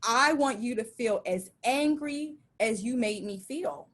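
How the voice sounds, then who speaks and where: A middle-aged woman preaching a sermon in a conversational, emphatic and animated way. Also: fairly high pitch, measured pace.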